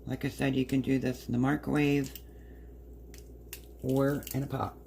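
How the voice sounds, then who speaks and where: In her home kitchen, a home cook chats through a recipe step by step as she works, her voice hoarse and partly gone. It's extremely low and nearly monotone, delivered at normal speed with a mellow sound and a faint hiss or hum.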